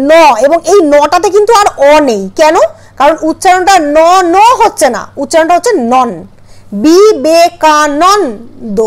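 A woman with a high voice gives a patient grammar lesson to her students. She asks them questions and sounds out each syllable slowly and clearly. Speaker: teacher.

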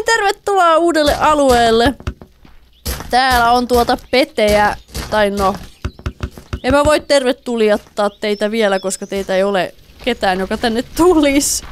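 A woman's voice: sits high, a little hiss or hum. A woman giving casual, playful commentary while playing a building game, chatting to the characters on screen. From Finland. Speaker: let's play gamer.

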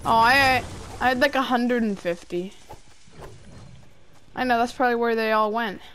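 A woman chatting casually while playing a video game, trailing off, restarting her sentences and now and then bursting into shouts. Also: a little high, fairly even intonation, moderate pace, slight background noise. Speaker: gamer. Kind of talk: casual gameplay chat.

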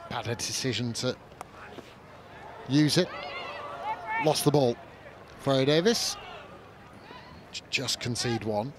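A man giving measured cricket analysis, rising to shouts when wickets fall. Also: medium pitch, background noise. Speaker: cricket co-commentator. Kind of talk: live sports analysis. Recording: commentary mic with stadium crowd behind.

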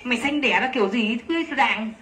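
A woman selling clothes on a livestream, talking rapidly and gushing over each piece while teasing her helpers. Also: a little high, a bit bright, a little hiss or hum. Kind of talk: live sales pitch.

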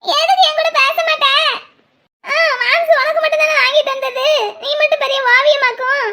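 A woman's voice: very high voice, steady tone, normal speed, bright, forceful tone, full character voice. A woman voicing a jealous, tearful little girl in a cartoon, whining and pleading. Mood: sulky. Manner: whiny, pleading. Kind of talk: cartoon voice acting.

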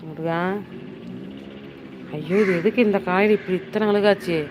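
Here a middle-aged woman in a hill town in the Nilgiris hosts an informal live stream, reading viewers' comments into her phone in a chatty, teasing way full of exclamations. Her voice is mid-range, her intonation fairly even, her pace moderate. Background noise can be heard.

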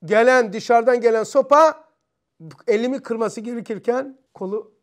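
A man giving an informal religious lesson to a group of teenage students. He keeps asking them questions and acts out blows and shouts with sound effects. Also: very high-pitched, normal speed. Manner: lively, questioning the students, acting out strikes with sounds. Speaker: religious teacher.

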